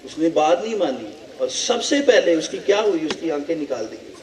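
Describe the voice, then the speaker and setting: A male pastor from Pakistan preaching a sermon, animated and repetitive, full of rhetorical questions. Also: on the high side, slight background noise. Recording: echoey hall from a distance.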